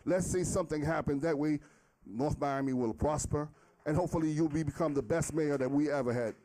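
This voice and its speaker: A middle-aged man making an impromptu public comment as a resident, halting and repeating his words as he pleads. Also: a little high, warm tone. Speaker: resident and former city worker speaking at public comment.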